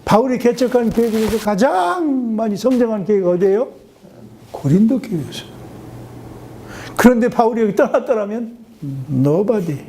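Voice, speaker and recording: A man, a missionary pastor, preaching a sermon in a lively storytelling way, often dropping in short affirming fillers and acting out the people in his stories. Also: high-pitched, moderate pace, a little hiss or hum. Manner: lively storytelling, acts out quoted voices.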